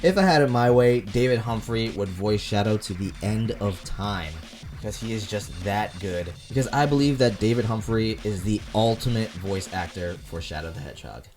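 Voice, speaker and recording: A man's voice: on the low side, moderate pace, over music. A young man hosting a video essay, reading scripted commentary.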